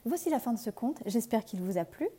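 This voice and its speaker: A woman narrating a fairy tale aloud in a measured, expressive reading, like a teacher. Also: on the high side, slightly rough. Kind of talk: storybook narration.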